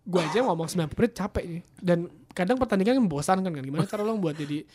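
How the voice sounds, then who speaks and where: A man's voice: high-pitched, animated, rapid-fire, darkish tone. A man, a football commentator chatting casually on a podcast, rambling with restarts and fillers. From Indonesia.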